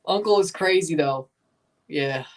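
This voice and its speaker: Speaking unhurriedly in a somewhat high voice, an American man hosts a livestream watchalong. His talk is relaxed banter and match commentary delivered in brief, rambling bursts, with his voice set back from the mic.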